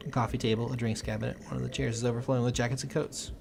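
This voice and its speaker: Man, let's play host, reads game text fast, noisy recording, typing behind. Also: mid-range voice, flat delivery, creaky. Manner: quick, lightly dramatic reading. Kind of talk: reading game text aloud.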